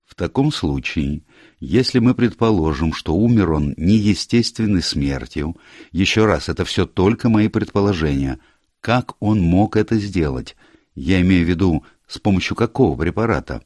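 A man's voice: sits low, lively intonation, normal speed, a little mellow, dry recording, clean studio sound. A man voicing a tired, cautious older lawyer in an audiobook, probing and careful in his questions. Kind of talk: audiobook character reading.

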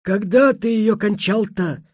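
A man voicing an excitable male musician who speaks with teasing irony. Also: high voice, unhurried, no room sound, clean studio sound, voice pushed up. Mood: mocking. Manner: ironic, teasing.

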